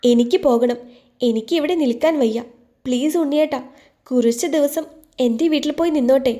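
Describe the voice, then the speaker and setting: Woman reading a gentle hurt young wife in a storybook, high mellow voice. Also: a little fast, natural voice. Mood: pleading. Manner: pleading, tearful.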